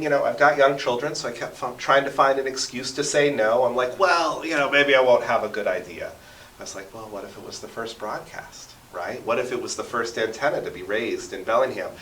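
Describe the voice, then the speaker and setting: A man in his thirties guests on a radio interview from a basement radio station studio, talkatively spinning stories with enthusiasm and dramatic emphasis. His voice is mid-range with a fairly bright tone, captured distant from the mic amid roomy echo.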